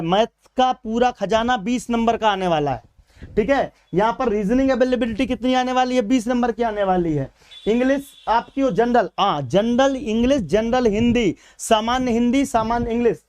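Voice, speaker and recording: A man with a Madhya Pradesh Hindi accent runs a live exam-prep class. His voice sits high and sounds smooth and clear. He talks to the students informally and calls them beta and bhaiya. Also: a little mellow. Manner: chatty, addresses viewers as beta and bhaiya. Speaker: exam coaching teacher.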